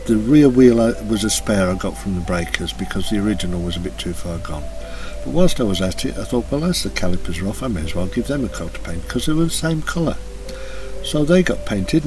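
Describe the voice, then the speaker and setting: A man narrating a slideshow of his motorbike restoration in a relaxed, hesitant way, with frequent ums and uhs. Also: lowish voice, background noise. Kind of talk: casual voice-over commentary. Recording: voice-over with music playing behind.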